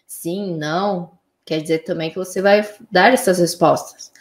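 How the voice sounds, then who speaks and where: A woman, a mother, calmly explaining her views on raising children in casual conversation. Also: on the low side, unhurried, echoey room. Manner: calm, explanatory, frequent "né?".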